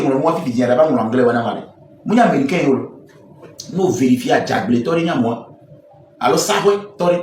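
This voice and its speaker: Togolese French man, activist on a live stream: fiery, emphatic, swinging widely in pitch, heard off-mic in a roomy space. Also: far from the mic. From Togo. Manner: fiery, emphatic, switches into a local language. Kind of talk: impassioned live-stream rant. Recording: roomy, off-mic, faint background noise.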